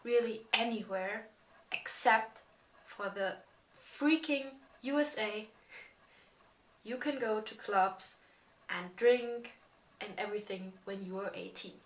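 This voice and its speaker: An eighteen-year-old woman tells a casual storytime in a chatty, gossipy way with emphatic asides. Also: a little high. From Germany. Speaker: vlogger. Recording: roomy echo.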